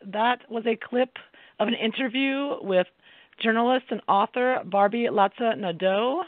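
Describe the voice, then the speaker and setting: A woman's voice: medium pitch, dry recording. A woman hosting a podcast, introducing her guest with some fillers. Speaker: podcast host. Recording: tinny phone-like line, dry.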